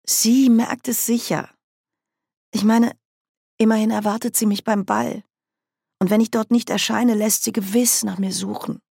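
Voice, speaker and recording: A woman's voice: on the high side, fairly even intonation, measured pace, gravelly, long pauses, warm tone, breathy edge, dry recording, clean studio sound, voice pushed up, exaggerated voice. Woman voicing an anxious, plaintive young woman. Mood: worried. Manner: plaintive, worried. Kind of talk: audiobook character voice.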